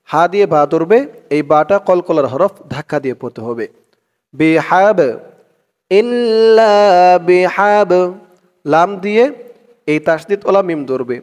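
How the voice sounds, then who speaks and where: A man teaching Quran recitation who chants verses slowly and drawn out, then breaks off to explain pronunciation rules in quick speech. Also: a little high. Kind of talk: tajweed lesson, slow chanted recitation with quick spoken explanations. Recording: long hall reverb.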